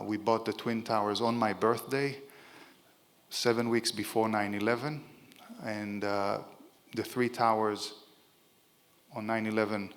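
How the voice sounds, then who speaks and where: A middle-aged Israeli-accented man, his voice on the low side and a bit bright, delivers a keynote at a conference. He speaks informally to a large room, joking often and using many fillers, and the audio carries the reverb of an event hall.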